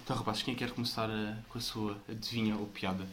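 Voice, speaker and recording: A young man with a European Portuguese accent joins in on a casual podcast, firing off quick jokes and riddles. He talks very fast, and the room sounds echoey with a faint hiss beneath. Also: fairly low pitch, steady tone, a bit bright. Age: young adult. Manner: quick joking banter. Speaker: podcast co-host. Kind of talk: casual chat.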